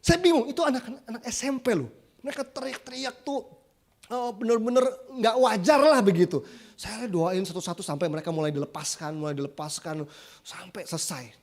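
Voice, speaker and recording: Male preacher, high voice, casual anecdotal delivery that slips into voices for quoted people. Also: brisk. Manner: lively, chatty, acts out quoted voices. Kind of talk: casual storytelling sermon. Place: church.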